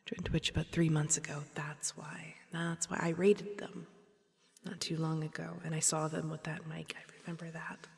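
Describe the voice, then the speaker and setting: Streamer woman, whispered ASMR chat: low, gravelly, long reverb tail. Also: level tone, moderate pace, a little mellow, a little hiss or hum. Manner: mostly whispering, chatty, with sudden startled outbursts. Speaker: VTuber streamer.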